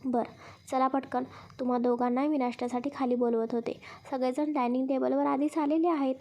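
A woman voicing a caring middle-aged mother who blesses and gently scolds her son and daughter-in-law in a spoken story. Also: high-pitched, steady tone, brisk, muffled recording. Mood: affectionate.

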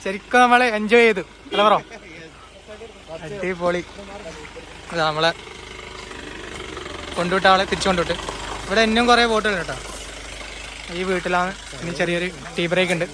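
A man's voice: high-pitched, moderate pace, long pauses. A male vlogger with a Malayali accent talks casually to his viewers, mixing Malayalam with English words. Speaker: vlogger, host. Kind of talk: casual vlog talk to viewers. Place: outdoors by a river. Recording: noisy outdoor vlog audio.

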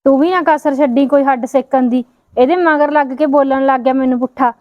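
A woman plays a quarrelsome young wife, her voice high and cutting. She taunts and scolds without letup. The sound is dry and slightly muffled. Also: fairly even intonation, fairly quick, no echo, close to an everyday voice. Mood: angry. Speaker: quarrelsome sister-in-law. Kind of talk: Punjabi short film acting.

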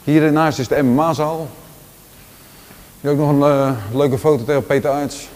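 A man in his forties with a Rotterdam Dutch accent, giving a relaxed walking tour of his large indoor gym, talking casually with lots of fillers and restarts. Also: on the high side, moderate pace. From Netherlands. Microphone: handheld camera following him.

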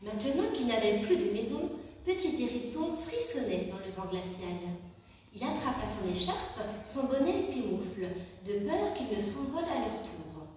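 A woman reads a children's story aloud in a gentle, expressive voice, pitched a little high. She sounds distant in a large echoing hall, with faint ambience behind her. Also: moderate pace, slight background noise. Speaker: childcare worker. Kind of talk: storybook reading for young children. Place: childcare centre room. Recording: echoey hall from far off.

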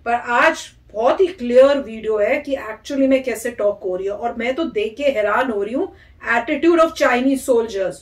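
A woman vlogger giving casual, animated reaction commentary and imitating the people she is reacting to. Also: on the high side, a little slow. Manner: animated, mimics the soldiers' lines. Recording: echoey room.

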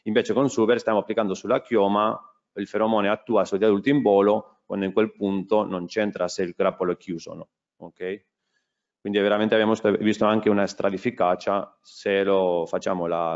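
Low-voiced man presenting in Italian. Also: flat delivery, brisk, a little mellow. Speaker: conference speaker, agricultural product specialist. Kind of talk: conference presentation. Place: conference hall at a lectern. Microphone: lectern gooseneck microphone. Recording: dull, muffled lecture-hall sound.

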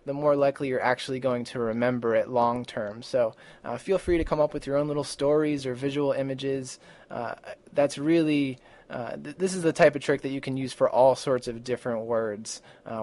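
Male tutor, casual lesson, easygoing, mid-range voice. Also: mid-range voice. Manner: relaxed and chatty, with many fillers and restarts.

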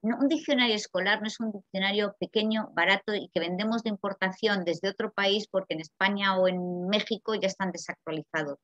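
A woman from Spain with a Peninsular Spanish accent giving a lively, chatty seminar lecture and asking the audience questions. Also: medium pitch, fairly quick, hardly any pauses, no room sound. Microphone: video call. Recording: dull, dry video call audio.

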